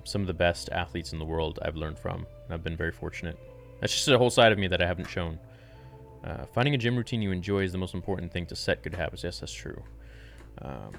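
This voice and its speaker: A man in his twenties with a very low, deep voice, hosting a live-stream Q&A. He reads viewer questions aloud and answers in a relaxed, easygoing way. Faint music plays in the background. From Canada. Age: 20s. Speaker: fitness channel host.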